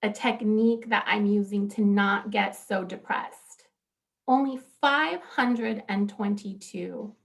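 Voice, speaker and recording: A woman in her thirties speaks on a conference panel as a law professor. Her mid-range voice has vocal fry, and she comes across as earnest and animated, using fillers often.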